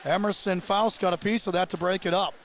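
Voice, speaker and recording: A man working as play-by-play commentator, calling a hockey game rapidly and getting excitable on big plays. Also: high voice, slight background noise. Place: live at an ice rink.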